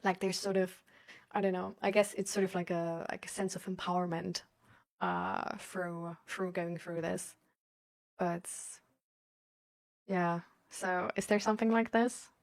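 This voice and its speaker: A German woman with a lowish voice speaks at a measured pace with fairly even intonation. Hosting live, she chats casually, rambling and thinking aloud in a hesitant, giggly way, laughing often as she talks.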